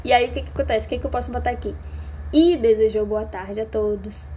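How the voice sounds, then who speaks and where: A woman from Maranhão, Brazil, teaching in a patient, explanatory way, speaking straight to her students. Her voice sits fairly high and has a mellow tone. A faint hum runs underneath. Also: fairly quick, poor audio. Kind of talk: recorded grammar lesson.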